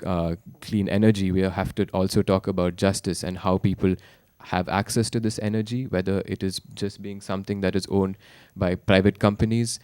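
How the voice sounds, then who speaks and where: A man speaking on a panel, measured and critical, with some fillers. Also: low voice, flat delivery, darkish tone, clear, resonant tone, no echo. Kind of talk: panel talk.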